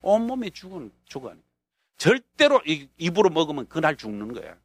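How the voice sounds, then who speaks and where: A man from North Korea with a North Korean accent, a pastor and missionary telling a story in a sermon, acting out the scenes with bursts of shouting and laughter. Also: on the high side, huge pitch swings, fairly quick, dry recording.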